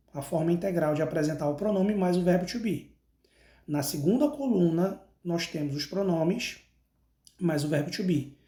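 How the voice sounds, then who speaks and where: A patient male teacher from Brazil walks students through an English lesson, saying each phrase twice at an unhurried pace. His voice is mellow and soft-edged. The sound carries the echo of a bare room. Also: high-pitched. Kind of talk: slow classroom lesson with repetition drills.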